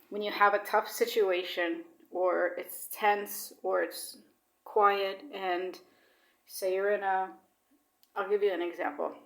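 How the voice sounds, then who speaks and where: Rambling through a casual personal vlog, a woman fills her talk with fillers and sometimes mixes Swedish words into English. She has a lowish, fairly bright voice, recorded in an echoey room at low quality.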